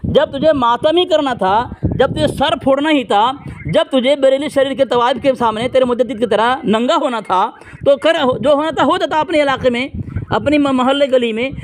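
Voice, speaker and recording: High male debater, keeps repeating himself, talks over his rival, reads out citations. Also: moderate pace, slight background noise. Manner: reads out book references. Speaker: religious debater. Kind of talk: heated religious debate.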